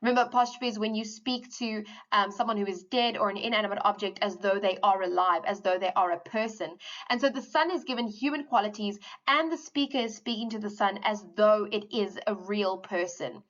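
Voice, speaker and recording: A woman teacher giving a poetry lesson, explaining eagerly and slowing down to read quoted lines. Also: mid-range voice, muffled recording. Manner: animated explaining, reads quoted lines slowly.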